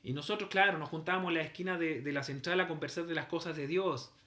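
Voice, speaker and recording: A man's voice: a little high, fast, sharp tone, roomy sound. A middle-aged man, telling a story in a sermon, acting out voices and sounds as he goes. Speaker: preacher.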